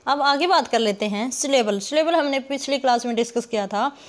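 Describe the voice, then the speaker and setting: A woman's voice: sits high, fairly quick. A young woman teaching poetic meter in an online lesson, asking questions she answers herself and sounding out words syllable by syllable. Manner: rhetorical questions she answers herself, addresses viewers as guys. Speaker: literature teacher.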